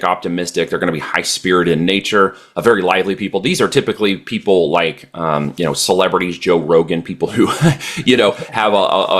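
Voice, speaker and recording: A man guest on a podcast interview, explaining e-commerce strategy in a confident, emphatic way with frequent fillers. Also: deep voice.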